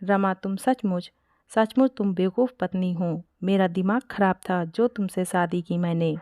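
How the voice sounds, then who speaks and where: A woman's voice: fairly low pitch, normal speed, warm tone, no room sound, studio quality, natural voice. A woman voicing a frustrated young husband. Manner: exasperated, scolding.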